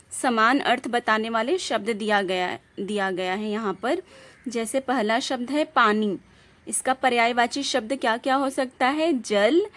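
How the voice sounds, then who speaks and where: A woman teaching a grammar lesson, speaking slowly, repeating words and asking the class questions. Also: fairly high pitch, fairly bright tone. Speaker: Hindi teacher.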